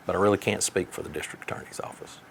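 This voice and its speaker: A man speaking as a sheriff in an interview, giving measured answers in a plain-spoken, folksy way. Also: sits low, steady tone, vocal fry, fairly bright tone, a little hiss or hum.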